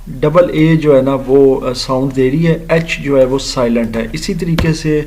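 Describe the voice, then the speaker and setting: A man teaching an English grammar lesson, explaining slowly, spelling out letters and repeating words for his students. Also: medium pitch, steady tone, dark tone, a little hiss or hum. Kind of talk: recorded grammar lecture.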